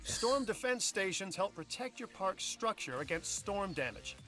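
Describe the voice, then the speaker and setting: An actor voicing a chirpy, upbeat park advisor in a video game, with a cheery sales-pitch delivery. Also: male voice, big pitch swings, measured pace, sharp tone, soft background music, full character voice.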